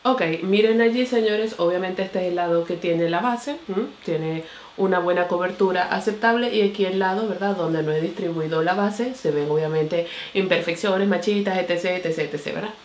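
A woman's voice: on the low side, a little fast, a little mellow, a little hiss or hum. Chatty woman beauty vlogger, echoey room. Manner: chatty, addresses viewers as señores and mi amor. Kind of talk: casual makeup review to camera.

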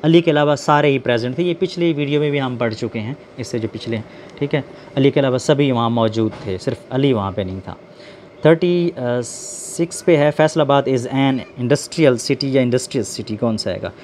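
A man teaching English vocabulary, explaining slowly, spelling words out letter by letter and asking his students questions. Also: mid-range voice, darkish tone, a little hiss or hum. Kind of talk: classroom lesson explaining word pairs.

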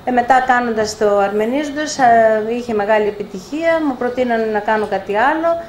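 Older woman, publisher, animated anecdote-teller; slightly high voice, roomy echo. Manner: animated anecdotes with acted-out dialogue. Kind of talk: storytelling in a live interview. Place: bookshop event room. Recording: echoey room, faint background noise.

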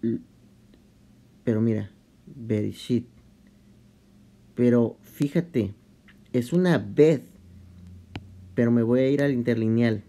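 A man explaining a Bible study in a casual vlog, talking halting and conversational with many restarts and English slang mixed in. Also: medium pitch, mellow. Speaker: vlogger.

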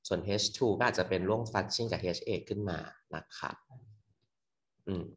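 A young man tutoring medical students in a loose, quick exam review full of fillers. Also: low-pitched. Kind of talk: casual exam review lecture. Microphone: computer mic on a screen recording.

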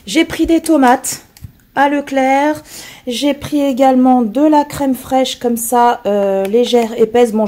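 A woman who is hoarse from being ill, chatting casually to camera as she shows her groceries, rambling with many fillers and restarts. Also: on the high side, mellow. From France. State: hoarse from illness. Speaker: vlogger showing her groceries.

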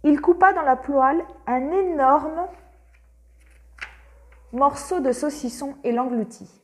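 A woman narrating a literary audiobook in a measured, expressive way. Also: sits high. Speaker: audiobook reader.

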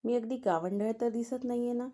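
A dreamy young woman in love, played by a woman narrator, murmuring to herself in an eager, girlish way. Her voice sits a little higher than the reader's own and stays mellow and soft-edged. It is told as a spoken storybook. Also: fairly quick, close to an everyday voice. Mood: eager, pleading.

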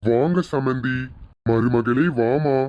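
A widowed older father-in-law, played by a woman greets his guests warmly. The voice sits low and the recording sounds dull and lo-fi. It is an amateur family serial. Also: slow pace. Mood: welcoming. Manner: warm and hospitable.

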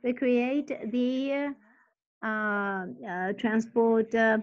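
A woman giving a technical presentation in a halting, stop-start way, interpreting for the speaker. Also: a little high, fairly even intonation. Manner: halting, stop-start delivery while explaining. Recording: dull lo-fi webinar audio.

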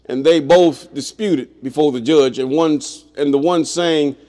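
A man's voice: fairly high pitch, mellow. A middle-aged man reading scripture aloud and breaking in with his own blunt comments. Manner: reads slowly, breaks in with blunt asides.

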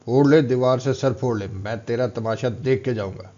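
A man voicing a gruff, stern older strongman who scolds and taunts, in a storybook reading. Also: medium pitch, moderate pace, warm tone, lightly acted. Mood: taunting. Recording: dull lo-fi recording.

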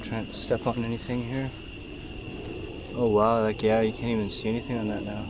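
A man's voice: on the low side, little pitch movement, fairly quick. A man narrating casually to viewers as he explores at night as a paranormal vlogger. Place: outdoors in a graveyard at night. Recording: noisy outdoor camera recording, insects and vehicles.

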